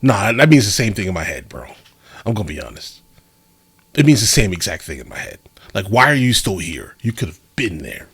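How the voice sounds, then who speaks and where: A low-voiced man reacts off the cuff. His voice is husky and his pitch moves around a lot. He talks casually and with slang, checking in with the listener as he goes. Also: big pitch swings, brisk, a bit bright. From New York, United States. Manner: informal, slangy, checks in with "right?". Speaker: reaction video host.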